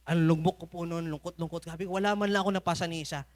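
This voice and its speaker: A man with a Filipino accent preaches a sermon at a church service, his voice on the high side with fairly even intonation and a very fast delivery. He tells stories with humor and laughs often.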